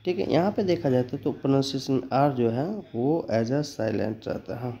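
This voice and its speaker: A male English teacher with an expressive, gravelly, warm mid-range voice gives a spoken lesson on English pronunciation. He spells words letter by letter, slowly and deliberately, mixing Hindi with English.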